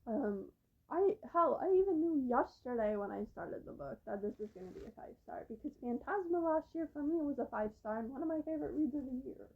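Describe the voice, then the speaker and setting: High-voiced chatty young woman reviewing books. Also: phone-quality sound. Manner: chatty, rambling, lots of "like" and "um". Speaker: book reviewer. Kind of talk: casual book review vlog. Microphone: phone camera.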